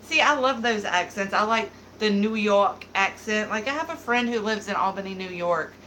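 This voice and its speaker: Reading comments on her live beauty stream, a woman in her thirties chats casually, rambles, and leans on fillers, her light Southern accent pointing to the American South. She has a mid-range voice, pushed and bright, at a normal pace. Audio is poor, with a little hiss or hum.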